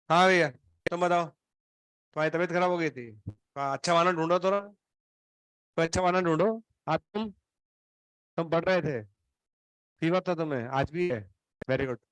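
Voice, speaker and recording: On the high side, slightly bright and smooth, this man's voice belongs to a coaching teacher who sternly, sarcastically interrogates his students one by one. He has a fever and his throat is unwell. No room sound is audible.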